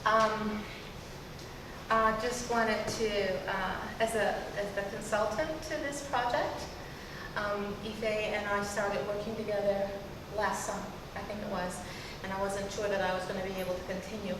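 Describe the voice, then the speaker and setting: A woman speaking as a production consultant, measured and deliberate. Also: medium pitch, steady tone. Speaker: consultant to the director. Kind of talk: panel remarks. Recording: distant reverberant hall with noise.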